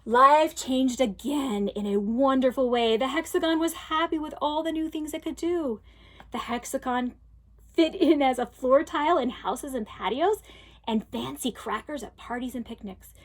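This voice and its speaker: A high-voiced woman reads aloud from a children's storybook, expressive and deliberately emphatic, like a teacher reading to pupils.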